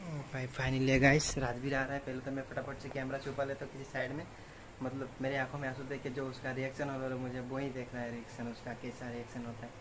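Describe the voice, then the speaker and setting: Casting note: a man from Assam, India, as a home vlogger, monotone delivery with a steady hiss behind him. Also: mid-range voice, quick pace. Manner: flat, chatty, asks viewers for likes. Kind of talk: casual vlog address to viewers. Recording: noisy background hiss.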